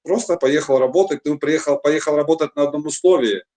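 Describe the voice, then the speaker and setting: This chat roulette guest, a middle-aged man from Donetsk in Ukraine, spins a long personal tale over a video call, full of restarts and filler words. He speaks a little fast in a somewhat high, slightly mellow voice.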